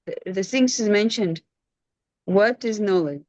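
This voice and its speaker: A woman's voice: mid-range voice, a little slow, a little mellow, no room sound. A woman leads an online scripture class over a video call, patient and probing as she draws answers from students. Her voice sits mid-range, close and dry, with a dull lo-fi sound. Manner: patient, questioning, prompts students.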